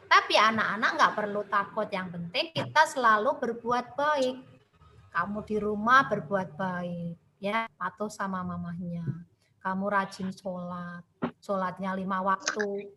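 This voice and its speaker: A Central Java primary school teacher speaks at medium pitch with a bright, forceful tone, and there's slight noise behind her. In a Javanese accent, she patiently and slowly explains an online lesson to young children over a video call, addressing them with tag questions.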